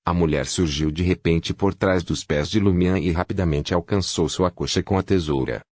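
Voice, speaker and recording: A man narrating a fantasy novel as an audiobook, reading in a steady, even pace. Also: sits low, normal speed, dry recording, studio quality.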